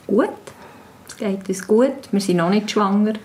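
An actress playing a stuffy, uptight Swiss wife in improvised mock-documentary comedy, earnest and pedantic, with a Swiss accent. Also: female voice, mid-range voice, measured pace, natural voice. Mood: earnest, prim. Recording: loud crowd noise behind.

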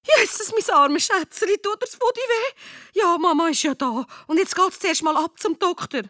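A woman's voice: very high voice, animated, normal speed, bright, forceful tone, dry recording, clean studio sound, voice pushed up, heavily acted. Woman doing a cooing, fussing Swiss mother. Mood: doting. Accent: Swiss German.

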